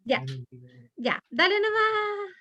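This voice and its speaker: Una mujer chilena modera una clase universitaria por videollamada, con un tono conversador e informal. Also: female voice, very high-pitched, sing-song, takes it slowly, sharp tone, dry recording. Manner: chatty, informal. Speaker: course organizer, moderator. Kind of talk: online class moderation. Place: video call. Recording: dull, dry video-call audio.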